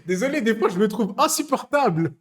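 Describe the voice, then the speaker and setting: A man's voice: high-pitched, animated, brisk. A young man from Switzerland chatting casually on a live stream, teasing his viewers and stammering through restarts.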